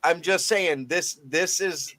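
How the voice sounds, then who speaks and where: A man's voice: on the high side, measured pace, a crowd in the background. A man co-hosting a heated political talk show, rambling and swearing, repeating words as he goes. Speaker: co-host. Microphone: call line cutting in and out.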